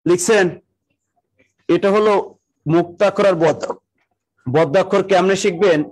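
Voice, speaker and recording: A male teacher giving a live online exam-prep class, repeating definitions slowly so students can write them down and urging them to hurry. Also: high voice, a little mellow. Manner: talks to viewers directly, greeting them by name and district.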